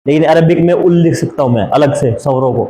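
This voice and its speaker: This geography teacher works from a map for exam students, posing rhetorical questions, mixing in English phrases, and drawling as he repeats place names. He talks fast in a fairly high, warm voice, and the low-quality recording has a roomy sound.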